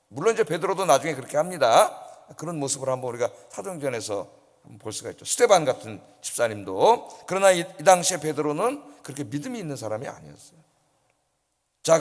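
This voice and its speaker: Animated pastor in an echoing church. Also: male voice, high-pitched. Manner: animated storytelling, acts out quoted voices, asks the congregation questions. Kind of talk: early-morning sermon. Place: church sanctuary. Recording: long church hall reverb.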